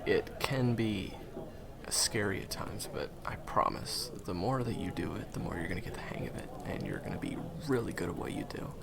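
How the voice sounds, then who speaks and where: Here the same kind of character, a kindly former hunter acting as a guide in a fantasy game roleplay, speaks conversationally to the listener, pausing hesitantly. The man's deep, creaky voice has lively intonation against a loud crowd, sounding concerned yet reassuring.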